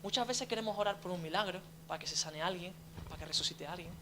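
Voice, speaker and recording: A man's voice: high voice, rapid-fire, noisy background. A young man, preaching a conversational sermon as a deacon, telling his story with frequent tag questions and restarts.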